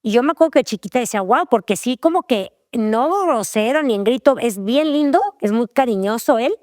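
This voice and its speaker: A woman's voice: on the high side, expressive, a little fast, darkish tone, no echo, studio quality. A woman co-hosting a faith-based parenting podcast, chatting casually and telling family stories. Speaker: podcast co-host.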